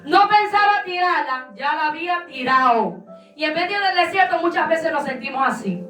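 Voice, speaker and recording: A woman's voice: very high-pitched, expressive, moderate pace, fairly bright tone, roomy sound, recorded from a distance, soft background music. A woman pastor giving a fervent sermon in a repetitive preaching cadence.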